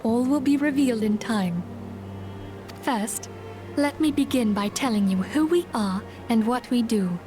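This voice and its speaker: A solemn leader of a secret order speaks in formal, measured sentences full of archaic turns. Her voice sits slightly high, and game music plays clearly behind her. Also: lively intonation. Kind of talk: game voice acting.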